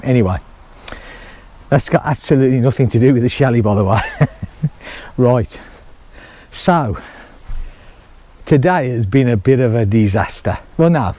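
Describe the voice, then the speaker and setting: Warm and medium in pitch, this middle-aged vlogger talks to the camera outside about building his chalet. There's no room sound, and his explanation wanders along with frequent laughter.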